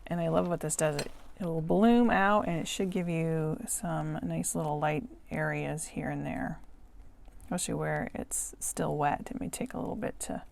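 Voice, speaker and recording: A middle-aged woman, hoarse and losing her voice, chatting casually as she narrates each step of a watercolor painting tutorial in real time. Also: sits low, steady tone, unhurried, darkish tone. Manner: chatty, self-narrating while painting, drops to near whisper at times. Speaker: watercolor art instructor.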